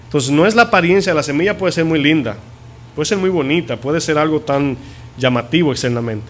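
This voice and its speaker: Man preaching a teaching sermon. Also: a little high. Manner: teaching, asks the congregation questions; stretches key words slowly for emphasis. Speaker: pastor. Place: church.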